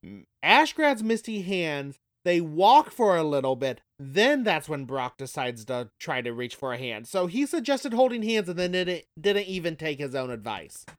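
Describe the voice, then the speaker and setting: A man's voice: a little high, sing-song, normal speed, hardly any pauses, no echo, studio quality. A man co-hosting a podcast, eagerly pointing out details and quizzing his partner. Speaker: podcast co-host. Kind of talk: casual podcast chat.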